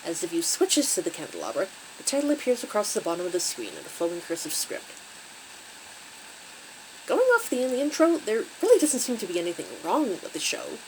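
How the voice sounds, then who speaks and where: A woman's voice: mid-range voice, wildly swooping pitch, brisk, poor audio. Lady retelling a creepypasta show, chatty and wry, voice going up and down a lot, faint room hum. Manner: wry, conversational asides. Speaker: channel host and story reader. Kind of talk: recapping a creepy story with asides.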